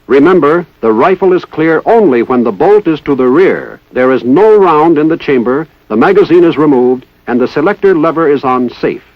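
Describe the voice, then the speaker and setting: A man's voice: on the high side, lively intonation, moderate pace, few pauses, dry recording. A man with an American accent reading formal, methodical instructional narration in the style of a 1960s military training film. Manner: formal, precise, methodical enunciation. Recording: dull lo-fi 1960s film soundtrack.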